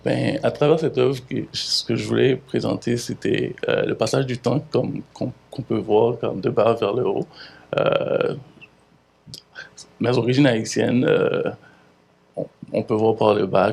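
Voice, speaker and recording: Haitian guy in his 30s, gravelly husky voice, kinda low, lots of ums and restarts. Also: darkish tone. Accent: Haitian French. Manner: halting, many fillers and restarts. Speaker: visual artist. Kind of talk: hesitant interview answers.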